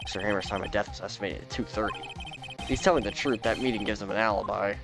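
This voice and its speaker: Give me a low, deadpan young lawyer who reasons things out flatly, as a man voices him. Faint game music hums behind. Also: fast talker, natural voice.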